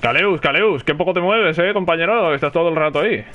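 A man's voice: a little high, fast, a bit bright, dull audio. A man with a Spanish accent from Spain, commenting live on his own gameplay, chatting and calling out to teammates. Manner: chatty, reacts aloud and calls to teammates. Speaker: gaming streamer.

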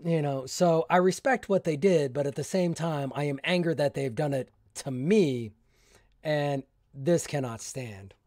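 A man's voice: fairly high pitch, measured pace, darkish tone, dry recording, clean studio sound, lightly acted. A man voicing an irritated, stubborn ship captain in a solo tabletop role-play, grumbling indignantly. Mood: annoyed. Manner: grumbling, indignant in-character monologue.

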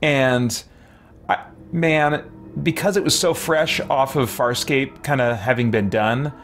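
Speaking slowly in a medium-pitched voice, a man offers casual, wandering live commentary as he plays a game indoors at home. He chats like an animated fan, with soft background music and faint game sounds behind him.

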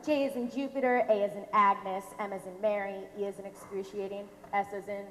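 A teenage or young adult woman with a medium-pitched, steady, fairly bright and natural voice plays a smug, officious, obstructive DMV clerk in a comic stage play. Her delivery is pedantic and drawn out, recorded from a distance on a theatre stage in an echoey hall with plenty of noise.

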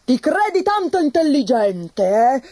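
A woman's voice: a little slow, no room sound, lightly acted. A woman playing a blustering male tsar. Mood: angry. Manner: exclaiming, mocking, louder and higher. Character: proud blustering male tsar, grows grumpy.

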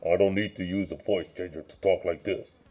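A man's voice pushed far down by a deep pitch-shifting voice changer, so it sits very low. He throws out crude, menacing trash talk in casual game roleplay banter. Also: steady tone, brisk, a little mellow.

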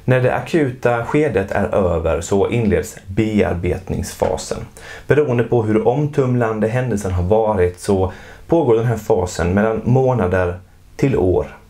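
A man giving calm, measured scripted narration for an educational explainer video. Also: on the low side.

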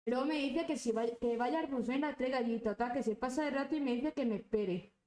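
A woman's voice: high voice, quick pace, darkish tone, echoey room, poor audio. Angry ranting young woman streamer. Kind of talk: casual live-stream chat.

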